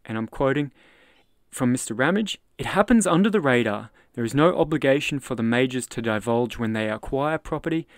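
An Australian man hosting a podcast, reading his own economics article aloud in a measured, explanatory way. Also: medium pitch, animated, dry recording, studio quality. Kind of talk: read-aloud article narration.

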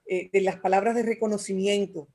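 A woman, talking as a guest expert on communication in an animated, expressive way and acting out quotes. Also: medium pitch, brisk. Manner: animated, acts out voices and quotes. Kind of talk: radio talk show conversation.

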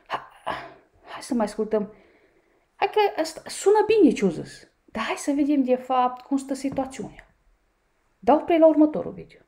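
A woman's voice: high voice, mellow. A woman from Romania commenting on clips in a sarcastic, mocking way, speaking to her viewers as a vlogger. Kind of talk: reaction commentary.

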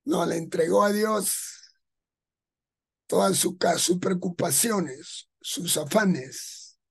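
A man preaches slowly and deliberately. His voice is slightly husky, and he explains each point with small rhetorical asides. The tone is that of a pastor teaching his congregation. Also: high voice. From Peru. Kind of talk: sermon.

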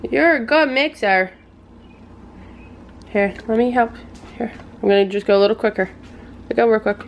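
A woman's voice: on the high side, normal speed, slight background noise, rough recording. A young woman talking casually to the camera as a vlogger, rambling and chatty with frequent fillers. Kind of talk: casual vlog chat.

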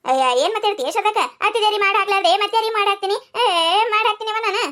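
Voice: extremely high pitch, very fast, sharp tone. A performer voicing a meddling village neighbor woman in a cartoon, with a North Karnataka Kannada accent. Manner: meddling, questioning. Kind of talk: cartoon comedy voice acting.

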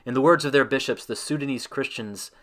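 A man giving a scripted devotional narration that ends in a prayer, reading in a measured, reverent way. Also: medium pitch, a bit bright.

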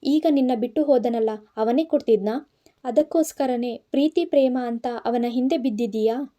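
A woman's voice: fairly high pitch, normal speed, dark tone, natural voice. Female narrator playing a stern middle-aged father, harsh scolding, in a story reading. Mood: furious scolding. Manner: scolding, raised voice.

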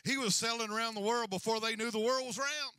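A man's voice: extremely high pitch, fast talker, bright, forceful tone, clean tone, no echo. A middle-aged man preaching a sermon as senior pastor on a large church stage, with a handheld mic and a repetitive, rising and falling cadence.

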